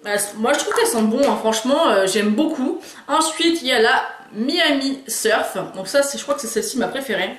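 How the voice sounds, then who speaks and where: A woman's voice: high-pitched, lively intonation, fairly quick, hardly any pauses, reverberant. A woman chatting enthusiastically about store purchases in a casual haul video, hesitating often. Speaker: beauty and lifestyle YouTuber.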